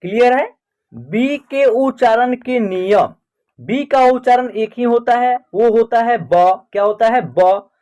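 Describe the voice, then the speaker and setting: Slow, patient Hindi-accented male teacher. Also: extremely high pitch, expressive, darkish tone. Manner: spells words letter by letter, repeats with "ठीक है ना" checks. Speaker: English teacher. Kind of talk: slow spelling and pronunciation lesson.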